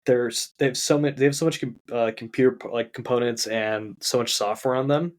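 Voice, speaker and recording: A man's voice: medium pitch, fairly even intonation, a little fast. A young man co-hosting a casual podcast chat, rambling along with lots of "like" fillers. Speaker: podcast co-host.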